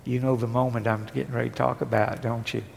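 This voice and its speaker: A man preaching a sermon, moving from hushed, tender passages to rising, forceful declarations. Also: medium pitch, level tone, fast, creaky. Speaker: pastor. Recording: long hall reverb with faint noise.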